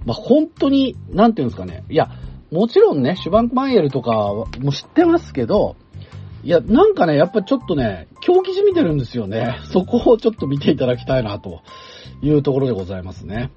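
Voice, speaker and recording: Animated male radio host reading mail. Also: fairly high pitch, fast. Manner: chatty and animated, with asides and laughs. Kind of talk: radio talk, reading listener mail aloud. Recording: dull broadcast sound, faint music behind.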